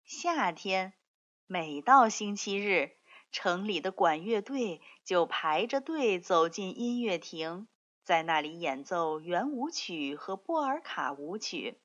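A woman reading a children's picture book aloud, telling the story slowly and expressively. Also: lowish voice, expressive, fairly bright tone. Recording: dull lo-fi recording.

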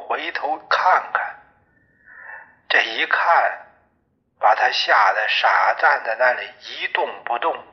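A man narrating a novel in the first person, in a measured storytelling manner. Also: mid-range voice, highs cut off. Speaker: audiobook narrator.

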